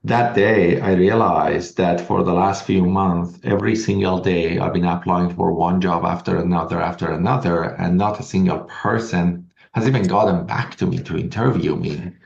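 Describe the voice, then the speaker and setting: A middle-aged man from Iran, a guest entrepreneur telling his story in an interview in earnest, fast bursts with restarts. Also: deep voice, steady tone, gravelly, a little mellow. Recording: echoey, dull lo-fi sound.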